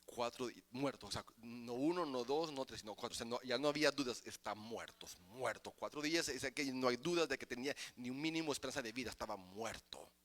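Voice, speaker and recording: A male pastor preaching a sermon in church, moving from quiet explanation to loud, chanted exhortation. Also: mid-range voice, fairly quick, few pauses, no echo. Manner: starts quiet and builds to shouting, chanted preaching.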